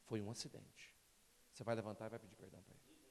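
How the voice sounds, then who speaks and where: A man voicing a calm, firm male divine spirit, quiet and matter-of-fact. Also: lowish voice, fast talker, vocal fry, long reverb tail, slight background noise, voice pushed down.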